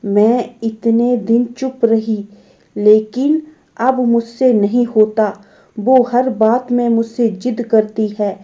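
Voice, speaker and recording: Woman doing a cranky stubborn mother-in-law, slow scolding, dark muffled voice. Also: on the high side, steady tone. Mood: angry. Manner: scolding, insistent.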